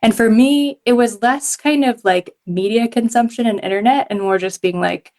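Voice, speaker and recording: A slightly mellow, higher-leaning female voice speaks at normal speed. She's a journalist from Hong Kong guesting on a podcast, talking casually with frequent laughs and lots of fillers.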